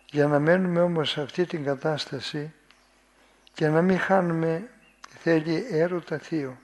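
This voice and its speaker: A man's voice: fairly high pitch, fairly even intonation. A man preaching a sermon, reading from a spiritual text, commenting on it unhurriedly and asking his listeners rhetorical questions.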